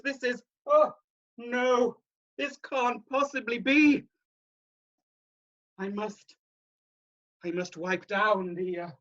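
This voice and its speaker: A woman's voice: medium pitch, highs cut off. A woman doing a pompous sly lord of the manor. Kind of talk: improvised comedy role-play.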